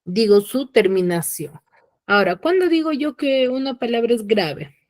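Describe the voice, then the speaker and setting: A woman's voice: on the high side, lively intonation, normal speed, darkish tone. A woman teacher giving an online lesson, who keeps asking her students questions and checks their understanding with short prompts. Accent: Peruvian Spanish.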